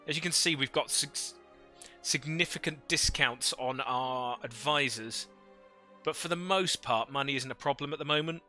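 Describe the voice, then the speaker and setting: Streamer man on headset mic, bright. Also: medium pitch, no echo. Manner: thinks aloud, chats with viewers. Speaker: livestreamer playing a strategy game. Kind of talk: casual live gameplay commentary.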